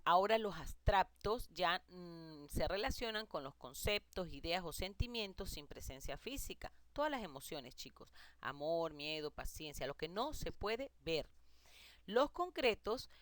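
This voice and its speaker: A woman's voice: on the low side, animated, fairly bright tone, no room sound. Patient woman teaching a grammar lesson. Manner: patient, explanatory, lists examples slowly. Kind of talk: recorded online grammar lesson.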